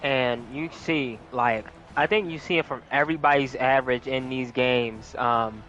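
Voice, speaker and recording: A man giving relaxed, rambling color commentary on a game, with frequent fillers. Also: mid-range voice, normal speed, dull audio, slight background noise.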